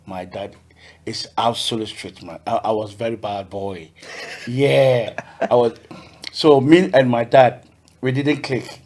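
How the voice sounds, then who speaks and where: Guy on a podcast, cheerful, kinda halting, repeats himself. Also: medium pitch, steady tone, darkish tone. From Ghana. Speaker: podcast guest. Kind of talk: casual interview.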